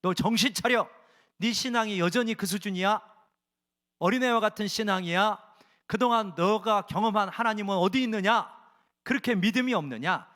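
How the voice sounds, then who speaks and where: God speaks as a stern father reproaching his people, as a male preacher puts him on mid-sermon. The questions come pointed and insistent, in a high voice with wide, lively swings of pitch. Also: moderate pace, exaggerated voice.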